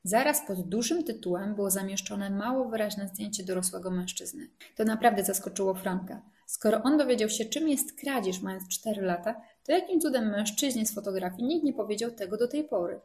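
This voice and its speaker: A woman narrating a children's storybook with gentle, expressive storytelling. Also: medium pitch, brisk, few pauses.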